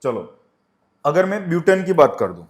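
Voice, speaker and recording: A man's voice: fairly high pitch, big pitch swings. Echoey man teaching chemistry. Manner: asks the class questions and answers them himself, saying "okay" over and over; dictates definitions slowly, word by word. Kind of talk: classroom lecture at a board.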